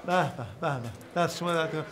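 An actor playing a flustered man in a cell, fawning and overly polite at first, then shouting for help in panic. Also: a little high, lightly acted.

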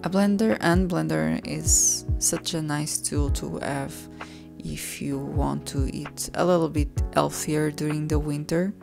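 Woman, cooking vlog voice-over, low voice, calm, light background music. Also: vocal fry. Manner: soft, unhurried, self-correcting. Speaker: cooking vlogger.

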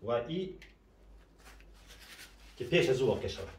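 Guy teaching a class, patient, asks himself questions then answers, sounds far off in a boomy room. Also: sing-song, a little mellow, slight background noise. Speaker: French teacher. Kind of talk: classroom lesson explanation. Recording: echoey room, mic at a distance.

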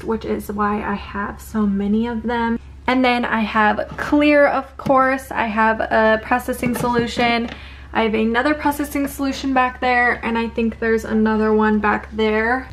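A woman's voice: fairly high pitch, steady tone, a little slow. An eighteen-year-old woman hairstylist from California giving a chatty, upbeat tour of her salon station and cabinet. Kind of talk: casual salon tour vlog. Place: indoor hair salon. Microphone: handheld camera close by.

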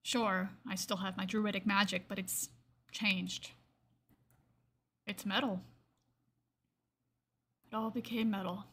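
Voicing an aged, gray-furred lion-folk druid in a fantasy game, a woman delivers a full character performance in a husky, mid-range voice with a level tone. The monologue is gentle and reflective, wistful and resigned, with pauses and hushed, trailing phrases.

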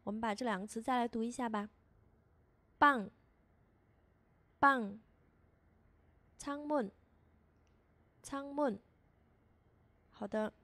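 A woman teaching a beginner language lesson as a voice-over, patiently repeating each sound slowly for learners. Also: on the high side, dry recording.

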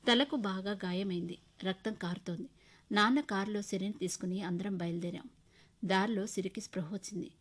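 A woman narrating a short story in the first person with emotional, expressive storytelling. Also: mid-range voice.

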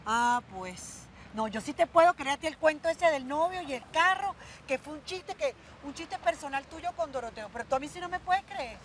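A high-voiced, fretful, melodramatic mother in a telenovela scene. She exclaims and scolds her daughter, and a faint hum of street noise sits behind her. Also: expressive, normal speed, few pauses, fairly bright tone. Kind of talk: telenovela acting.

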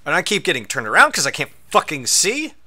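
Streamer man, bright and lively, swears freely and yelps at scares. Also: fairly high pitch, fast talker. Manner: swears a lot, yelps when startled. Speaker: gaming streamer. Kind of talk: casual gameplay chat.

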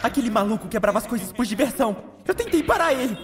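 A woman's voice: animated, fast, natural voice. A woman with a Brazilian Portuguese accent voicing a whiny, hot-tempered young male cat in a fan-dubbed cartoon. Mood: sad narration. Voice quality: high, emotional, whiny. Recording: loud background music.

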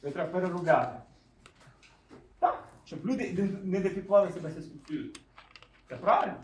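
A man preaching a sermon, asking his listeners questions and raising his voice to a shout for emphasis. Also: sits high, fast, a little hiss or hum. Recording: echoey room, mic far off.

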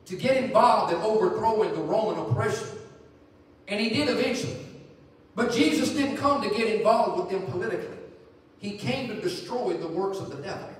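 Brisk and animated, a middle-aged evangelist with a voice that sits high tells folksy, joking stories in his sermon, then grows earnest. He's in a church sanctuary, heard at a distance through heavy echo.

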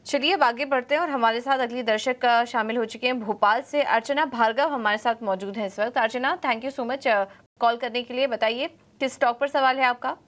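A woman's voice: a little high, fairly quick, fairly bright tone. A woman anchoring a business news show in a TV studio, hesitant, with many fillers. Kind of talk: anchoring viewer call-ins.

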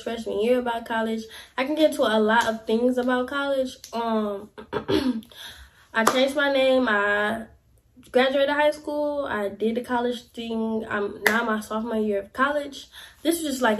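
Chatty young woman with a drawl. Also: a little high. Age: young adult. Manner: chatty, repeats "y'all" and "like", animated gestures. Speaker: vlogger. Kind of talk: casual life-update vlog. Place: small indoor room, seated in chair.

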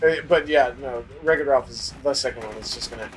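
A man's voice: medium pitch, fairly quick, a little hiss or hum. A man co-hosting a gaming video, chatting in a laid-back way and swearing often. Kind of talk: casual chat while playing a game.

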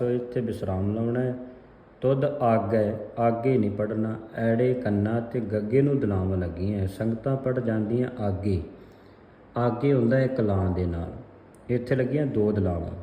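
A man teaching the correct pronunciation of scripture verses, with a Punjabi accent. He repeats words slowly and chants the verse lines in a sung recitation. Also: lowish voice, dark tone. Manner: slow, deliberate, repeats words to drill pronunciation. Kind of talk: slow scripture pronunciation lesson. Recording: echoey room with long reverb.

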